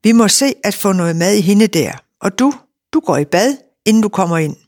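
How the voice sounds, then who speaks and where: A woman reading aloud and voicing a big, brisk, middle-aged farm wife who talks a lot and gives orders, in a dry recording. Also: medium pitch, animated, darkish tone, no echo, close to an everyday voice. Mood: bossy. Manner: bossy and chatty.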